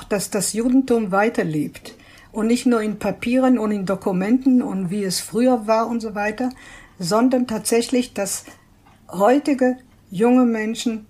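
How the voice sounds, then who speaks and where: Earnest older woman, husky, mellow. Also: medium pitch. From Israel. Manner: earnest, searching for words with restarts. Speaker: interview guest, prayer leader. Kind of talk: thoughtful interview answers.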